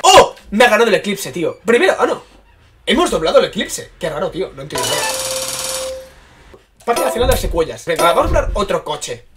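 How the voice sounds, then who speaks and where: A man giving excited, casual commentary while playing a racing game. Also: high voice, brisk, pauses often, heavy background noise. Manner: exclaiming, lively, casual slang. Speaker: gaming youtuber. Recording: distant mic with loud game music.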